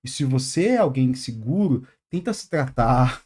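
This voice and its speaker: A Brazilian man hosting a casual advice chat, telling a work story in animated bursts, with many fillers and restarts. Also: mid-range voice, moderate pace. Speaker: channel host.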